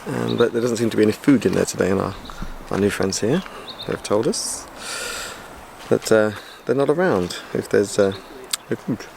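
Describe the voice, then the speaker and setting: A man's voice: on the low side, moderate pace, vocal fry, darkish tone, a little hiss or hum. A man chatting casually on a travel vlog, laughing at himself, filmed outdoors and in a car. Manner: chatty, self-mocking, laughs often. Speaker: vlogger.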